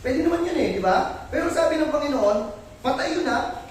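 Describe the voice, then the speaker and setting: A man's voice: extremely high pitch, animated, fast, darkish tone, heavy reverb, far from the mic, slight background noise, low-quality recording. A man preaching a sermon, who keeps asking his congregation rhetorical questions in a polite way. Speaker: pastor. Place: church.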